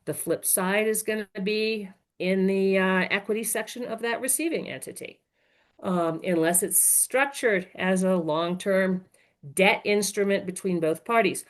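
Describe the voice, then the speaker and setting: In a mid-range voice and at a slightly slow pace, this woman runs a casual webinar as a software trainer, explaining step by step and fixing her own wording as she goes.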